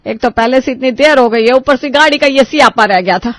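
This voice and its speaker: A woman's voice: sits high, fairly quick, fairly bright tone, dry recording. Fussy groom's mother. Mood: fretful. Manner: dramatic, complaining.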